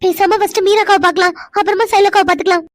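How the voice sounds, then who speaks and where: A woman plays a frantic young cartoon woman with a piercing, very high voice. She calls out in a shrill, hurried way, and the sound is dry and close. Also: fairly even intonation, no room sound.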